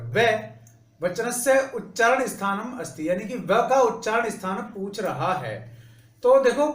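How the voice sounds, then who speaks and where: A man teaching an exam-prep lesson, working through each answer step by step and reciting grammar rules slowly. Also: sits high, echoey room.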